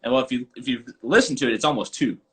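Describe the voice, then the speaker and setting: A man, a golf coach and podcast host, telling stories in an animated casual chat over a live video call. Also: mid-range voice, racing. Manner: animated, chatty storyteller.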